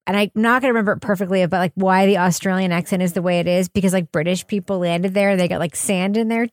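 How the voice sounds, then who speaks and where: A woman hosting a podcast, chatty and animated, sometimes giggly. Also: medium pitch, fast, dry recording, studio quality. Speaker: podcast host. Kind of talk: casual podcast chat and read promo.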